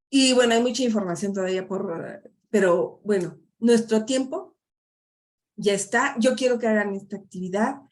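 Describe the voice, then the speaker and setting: A woman's voice: medium pitch, a little slow, long pauses, darkish tone. A middle-aged woman, a life coach giving a chatty workshop talk full of tag questions. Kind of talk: live online workshop talk.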